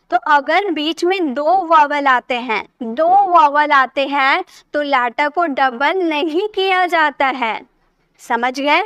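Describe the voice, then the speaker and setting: A woman's voice: sits high, fairly bright tone, no room sound. A woman teaching a spoken English lesson, patiently repeating points and checking that learners follow.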